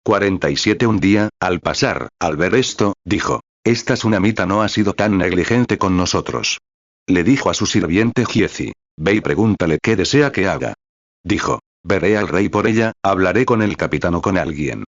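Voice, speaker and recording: A man with a low voice delivers a sermon, reading scripture aloud and naming each chapter and verse before he reads it. He breaks in with fervent interjections between the passages. The recording is dull and lo-fi, with a dry, close sound. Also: expressive, moderate pace, no echo. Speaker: preacher.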